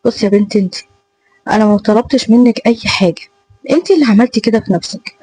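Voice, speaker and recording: A woman with an Egyptian accent voicing a cold, threatening young male teacher who speaks harshly and with contempt, at a quick pace. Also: on the high side, warm tone, husky, poor audio. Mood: contemptuous. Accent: Egyptian Arabic.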